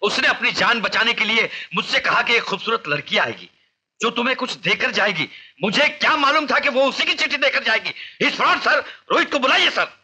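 An actor playing a blustering, vain middle-aged male college teacher in a 1990s film comedy, loud and comically indignant. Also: extremely high pitch, very animated, brisk, husky, heavily acted. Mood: flustered.

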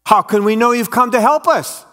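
A preacher voicing frightened cave dwellers who cry out in shrill panic during a sermon story. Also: male voice, normal speed, pushed and bright. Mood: fearful. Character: frightened shouting cave dwellers, men and women.

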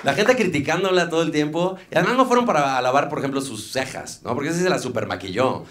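A man's voice: fairly high pitch, expressive, fast, a bit bright, a little hiss or hum. A man with a Mexican accent doing a live stand-up set on a club stage, loose and slangy with mocking asides, into a handheld mic. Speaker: stand-up comedian.

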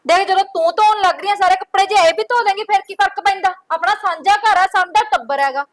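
A sister-in-law, acted by a woman, trying to keep the peace while standing her ground. Her voice is very high and her speech is quick. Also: poor audio. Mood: reasoning. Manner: reasoning, firm. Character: calm but firm sister-in-law keeping the peace.

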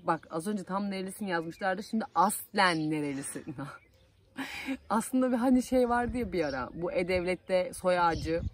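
Chatty woman with an Aegean Turkish accent. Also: on the low side. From Aydın, Turkey. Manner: chatty, homely, loose with fillers. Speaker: TV field reporter and presenter. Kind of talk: casual Q&A answering followers.

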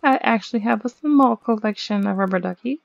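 A woman's voice: on the high side, brisk, gravelly, dry recording, dull audio. A young woman commentating her own video game play in a playful, dramatic way, with chants and squeals. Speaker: gaming video host.

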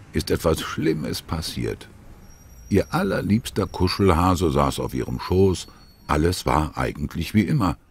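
A man narrating a children's audiobook with gentle, expressive storytelling. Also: a bass voice, breathy edge.

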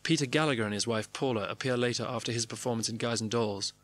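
A man's voice: medium pitch, quick pace, fairly bright tone. A man narrating his own diary entries in clipped, wry phrases. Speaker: narrator reading his diaries. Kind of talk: scripted memoir narration.

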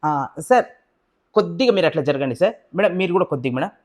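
A man's voice: high voice, expressive, very fast. A young man in a comedy skit, fawning and teasingly polite as he directs a photo shoot. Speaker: comedy sketch actor playing a photographer.

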